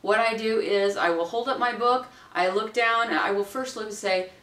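Brief: woman in her forties, wedding minister coaching new officiants, chatty and practical, mid pitch, captured from a distance in an echoey home room. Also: moderate pace. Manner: chatty, practical, acts out quotes with a bright lilt. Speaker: wedding minister giving training. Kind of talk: instructional talk to camera. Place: small room at home, indoors. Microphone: camera mic at a distance. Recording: roomy, distant camera sound.

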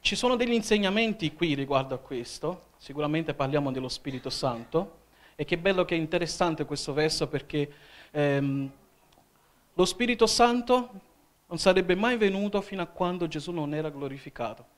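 A man's voice: fairly high pitch, animated, normal speed. A man from Italy leading a church sermon, his voice sitting a little above the usual male range. He keeps checking in with the congregation, asking "Amen?" between his points. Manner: calls out "Amen?" to the congregation often. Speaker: evangelist. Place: church hall.

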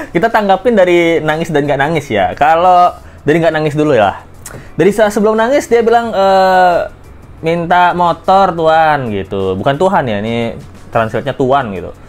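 A man's voice: on the high side, big pitch swings, brisk, soft background music. A man giving joking reaction commentary on clips, laughing often. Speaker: commentary vlogger.

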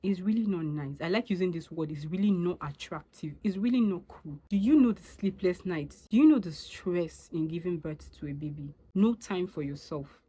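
A Nigerian woman vlogging in a casual, insistent manner, driving her points home by saying them again. Her voice sits low and husky. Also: normal speed, few pauses, mellow. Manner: emphatic, lecturing, repeats points for stress. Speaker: vlogger and new mother. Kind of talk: casual opinion vlog to camera.

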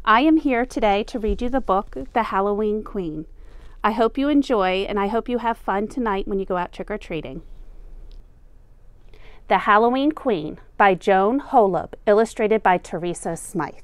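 A middle-aged woman teacher reads a children's picture book aloud, telling the story deliberately and expressively. Her mid-range voice is clear and resonant, with no echo.

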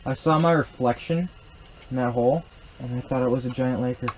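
On a low-quality recording with a little hiss or hum, a young man speaks briskly at medium pitch. His casual ice fishing vlog is joking and playful, shot on an action camera held at arm's length or set nearby, starting on an open frozen lake and later moving into an ice fishing tent.

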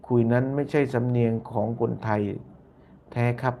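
A man hosting a casual live stream, talking at a mid-range pitch. He reads out viewer comments and mulls them over aloud. He circles back on his own phrases and softens his lines with polite particles. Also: flat delivery, moderate pace, slight background noise. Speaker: YouTube channel host.

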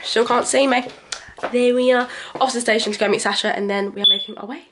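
A young woman with a cold, vlogging casually and excitedly with lots of fillers. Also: fairly high pitch, fast talker. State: has a cold. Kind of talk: casual match-day vlog. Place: train stations and streets in a city. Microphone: phone held in hand while filming. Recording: phone vlog with crowd and street noise. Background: busy crowds and traffic noise.

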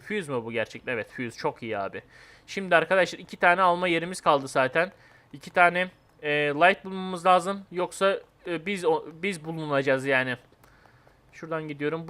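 A young man giving excitable, chatty let's-play commentary on a horror game and talking straight to his viewers. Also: fairly high pitch. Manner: excitable, chatty, talks to viewers as "abi" and "arkadaşlar". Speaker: gaming YouTuber.

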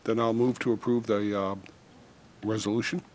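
Man, flat level voice, procedural motions, faint hiss. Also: fairly low pitch, moderate pace. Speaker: board member.

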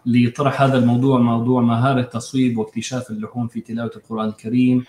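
A man's voice: mid-range voice, level tone, racing, darkish tone, roomy sound, slight background noise. A man hosting an online session, politely reading out audience questions to the guest teacher. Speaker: host and moderator. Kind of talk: moderating an online Q&A.

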